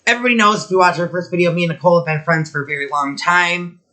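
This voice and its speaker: A man's voice: high-pitched, racing, sharp tone. A young man co-hosting a podcast, chatting casually and telling a story with lots of fillers. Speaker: podcast co-host. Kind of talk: casual chat.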